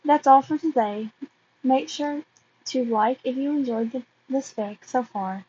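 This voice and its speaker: A woman's voice: sits high, unhurried, warm tone, slightly rough, lo-fi sound. A woman reading fan fiction aloud, hesitant and often restarting her phrases.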